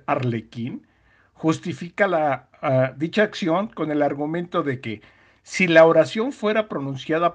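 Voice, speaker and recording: A man from Mexico with a Mexican accent, reading out an earnest, indignant message to a show in formal wording. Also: a little high. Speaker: listener sending a message. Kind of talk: read-out listener message.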